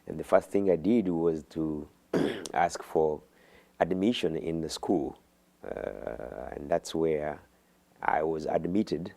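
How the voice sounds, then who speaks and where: Slow, gravelly man. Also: rumbling low, warm tone. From Uganda. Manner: halting, many fillers and restarts. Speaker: guest. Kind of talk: interview conversation.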